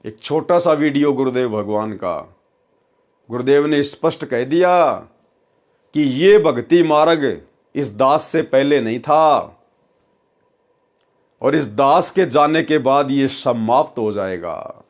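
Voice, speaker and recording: A man's voice: medium pitch, slow pace, pauses often. A man giving a devotional talk, earnest, who reels off long lists and keeps asking rhetorical questions. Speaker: follower presenting the sermon.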